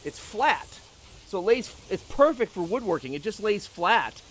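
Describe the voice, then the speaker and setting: A man's voice: high-pitched, very animated, moderate pace, a bit bright, slight background noise. A man chatting casually and talkatively, with joking asides, as he shows off things. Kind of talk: casual chat about tools.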